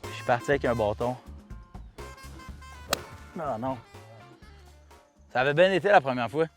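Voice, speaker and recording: A man's voice: medium pitch, animated, a little slow, music in the background. A middle-aged man with a Quebec French accent, chatting casually and jokingly with friends. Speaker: player in a filmed golf outing.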